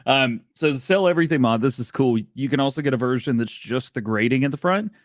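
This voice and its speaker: Animated man hosting a casual stream. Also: mid-range voice, fast, no room sound, studio quality. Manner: animated, laughs often, playful sound effects. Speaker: livestream show host. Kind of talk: casual livestream chat.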